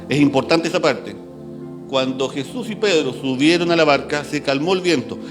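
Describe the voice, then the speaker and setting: High, lively-voiced male preacher. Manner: animated, reads scripture aloud and jokes with the congregation. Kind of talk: sermon. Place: church.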